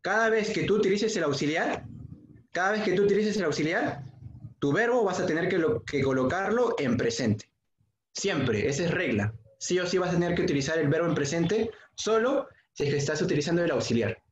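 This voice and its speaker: Male teacher, higher voice, repeats things, quizzes students, roomy dull sound. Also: expressive, fairly quick. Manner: patient, repeats key points often; asks students questions by name. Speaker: secondary school English teacher. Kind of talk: online class lesson. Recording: dull, echoey room sound.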